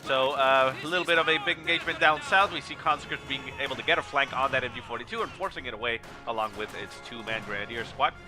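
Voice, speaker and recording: A man's voice: medium pitch, fast, hardly any pauses. Nasal, stuffed-up male game commentator. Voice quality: nasal, congested voice. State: sick with a stuffy nose. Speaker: esports match commentator. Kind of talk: live strategy game commentary. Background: video game battle sounds and music.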